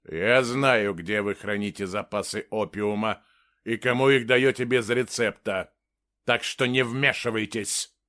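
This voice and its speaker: A stern, commanding man in authority whose voice is sharp and unbending, as an audiobook narrator does him. He lays out each word slowly and deliberately. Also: on the low side, no echo, studio quality. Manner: sharp and unyielding, slow and deliberate. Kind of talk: audiobook character voice.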